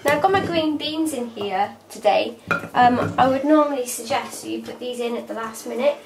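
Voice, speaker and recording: A woman in her thirties talks casually through a home cooking session, her voice sitting a little high. She is picked up by a camera mic across an echoey kitchen, with pots and cutlery clattering behind her. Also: normal speed, gravelly, distant mic, a crowd in the background. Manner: chatty, talks while working. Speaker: cooking vlogger. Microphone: camera mic from across the room.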